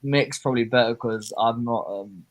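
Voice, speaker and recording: A man's voice: mid-range voice, moderate pace, a crowd in the background. A man on a football watchalong panel, offering casual, opinionated chat about players and tactics.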